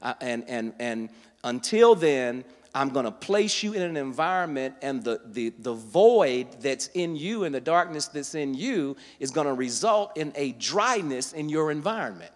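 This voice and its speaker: A man preaching a sermon, teaching verse by verse and building to loud, emphatic passages. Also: mid-range voice, expressive, a little slow, big-room sound. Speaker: guest preacher. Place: church sanctuary.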